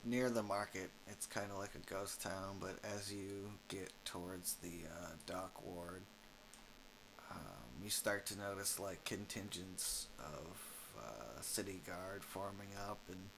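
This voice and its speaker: Low-voiced man running a tabletop game. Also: slow, creaky, noisy background. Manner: relaxed, many fillers. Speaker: game master.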